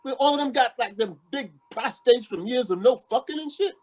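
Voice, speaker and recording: A man's voice: very high-pitched, expressive, a little fast, darkish tone. An actor playing Paul, a blunt, folksy and worried father, in a stage play reading. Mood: gruff.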